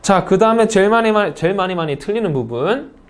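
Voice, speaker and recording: In an online lecture for an English speaking test course, a South Korean man talks fast in a high voice with lively intonation. He frequently asks his students questions, then supplies the answers himself.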